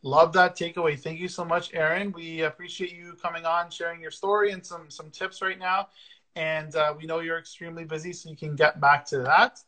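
Man, livestream host, upbeat, filler-heavy, bright fairly high voice, video call. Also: little pitch movement, fairly quick, rough recording. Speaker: podcast host. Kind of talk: casual livestream interview.

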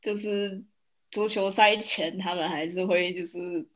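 A woman's voice: fairly low pitch, fairly even intonation, a little slow. A woman chatting casually as a podcast co-host. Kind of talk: casual chat.

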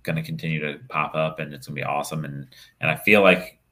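With a bass voice that sounds pushed and bright, this young podcast co-host talks quickly in a steady tone. It's a casual, rambling chat, heavy on fillers and false starts.

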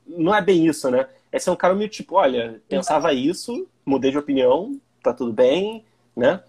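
A man's voice: fairly high pitch, lively intonation, normal speed, darkish tone, slightly rough. A young Brazilian man with a Brazilian Portuguese accent, chatting in a laid-back way, with lots of casual fillers. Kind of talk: casual conversation.

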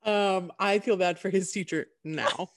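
A woman's voice: medium pitch, steady tone, measured pace, dry recording. A woman co-hosting a podcast in casual chat, chatty with wry, dry asides. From Florida. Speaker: podcast co-host.

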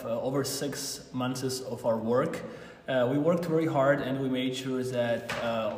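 Man, 20s, earnest, formal, mid pitch, echoey room. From Armenia. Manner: earnest, formal, explaining at length. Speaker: guest, youth ambassador. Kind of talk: podcast interview. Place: office in Berlin. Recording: roomy, reverberant room.

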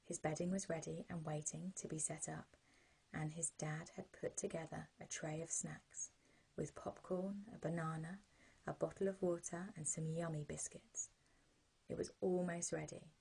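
A British woman narrating a children's sleep story in a soft, breathy, husky voice, with gentle, calming, unhurried delivery. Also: sits low, poor audio.

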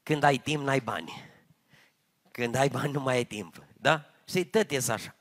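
A man preaching a sermon as a pastor at a youth conference. He swings between loud emphasis and quiet asides. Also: medium pitch. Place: church hall at a youth conference.

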